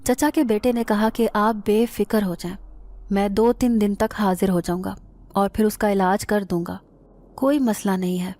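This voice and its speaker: Mellow-voiced woman narrating a horror story. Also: mid-range voice. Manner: steady, dramatic first-person telling.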